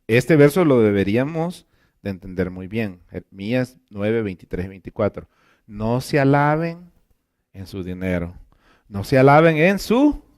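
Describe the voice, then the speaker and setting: A man preaching a sermon as pastor, emphatic, rising to loud exclamations and dropping to quiet asides, often calling his listeners brothers. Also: medium pitch. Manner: keeps addressing listeners as brother.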